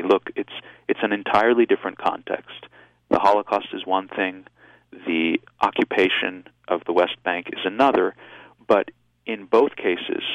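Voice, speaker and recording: An author born in Israel and raised in the United States gives measured, reflective answers in an interview, often restarting and saying um. His voice is low-pitched, and the audio is dull with no echo.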